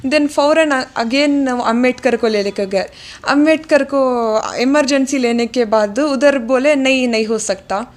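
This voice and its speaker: Young woman, halting, mixing English words. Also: high voice. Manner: halting, many fillers, mixes English words. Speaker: interviewee, daughter of the deceased. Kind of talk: recounting events in an interview.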